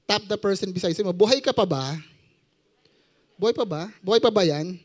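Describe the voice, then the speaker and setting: A man's voice: high-pitched, animated, normal speed. A young adult man with a Filipino accent preaching a sermon, joking and quizzing his audience as he mixes Tagalog and English.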